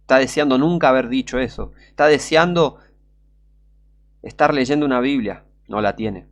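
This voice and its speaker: A man's voice: mid-range voice, moderate pace. A man with a Rioplatense Spanish accent preaching a fervent, scornful sermon full of rhetorical questions. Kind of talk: impassioned street-style sermon.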